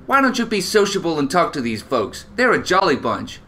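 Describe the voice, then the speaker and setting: A man putting on a sassy, motherly barkeep woman with a raised, lively voice. She drawls and calls everyone honey. Her voice swings up and down as she talks. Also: a little high, brisk, a little hiss or hum. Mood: warm teasing.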